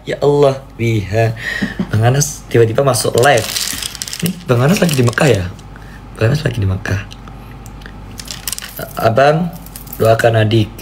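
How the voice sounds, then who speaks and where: A man's voice: a little mellow, a little hiss or hum. Playful man on a live stream. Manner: playful, mock-pleading, jumps to squeaky high cries. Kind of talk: casual live-stream chat.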